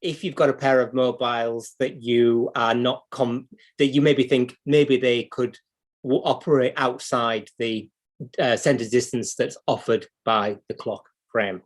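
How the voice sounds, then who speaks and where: British male instructor, mid-pitched, unscripted hands-on explainer who thinks aloud. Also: fairly even intonation, a little slow. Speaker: clock repair instructor and livestream host.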